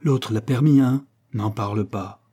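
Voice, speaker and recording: A man's voice: medium pitch, a little slow, dark tone, slightly rough. A man voicing a desperate woman in love, pleading and tearful, in an audiobook reading.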